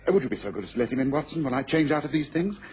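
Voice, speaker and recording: In a radio drama, an actor voices a keen, self-assured Victorian gentleman detective, speaking briskly and emphatically in a husky British voice. His medium-pitched delivery is expressive, with a musing mood.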